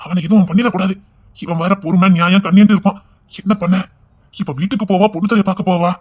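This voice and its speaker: A man's voice: sits high, fairly even intonation, fast talker. An actor with a Tirunelveli Tamil accent playing a harried, worried father who talks to himself in exasperation in a TV serial. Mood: exasperated. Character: harried middle-aged father, torn and worried. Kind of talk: TV serial acting.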